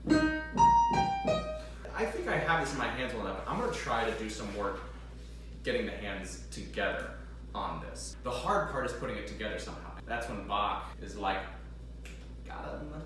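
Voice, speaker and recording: A man's voice: fairly low pitch, expressive, moderate pace, pauses often, recorded from a distance. A young man who plays the organ, chatting casually while he practices, swearing now and then and humming along to the music. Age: young adult. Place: large echoey room with an organ. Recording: very echoey, from off-mic, organ behind.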